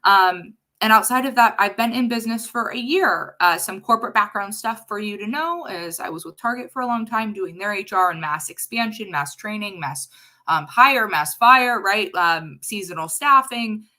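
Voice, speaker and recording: A woman's voice: mid-range voice, moderate pace. A woman in her thirties from the US West Coast, an HR consultant giving a casual, chatty webinar with a sarcastic streak. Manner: chatty and sarcastic, lively swings in loudness.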